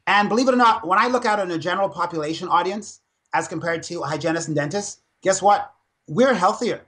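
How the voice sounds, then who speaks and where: A man's voice: high voice, fairly quick. A man in his fifties, a dentist and fitness speaker, telling stories with energy in a podcast interview. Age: 50s. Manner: animated storytelling, energetic.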